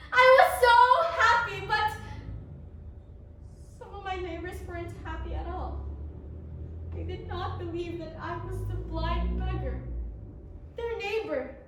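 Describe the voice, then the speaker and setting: Woman performing excitable beggar woman, hammy dramatic reading, very high voice, theatrical swings, devout, roomy echo. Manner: theatrical, exclamatory, with big emotional swings. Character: formerly blind beggar woman, excited, devout, defiant storyteller. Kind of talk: hammy dramatic reading, first-person Bible story. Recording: roomy, distant mic, faint noise.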